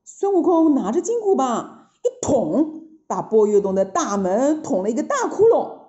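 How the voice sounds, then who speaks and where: A woman telling a classic children's story in an animated, lilting, drawn-out way. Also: high voice. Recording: roomy, dull lo-fi recording.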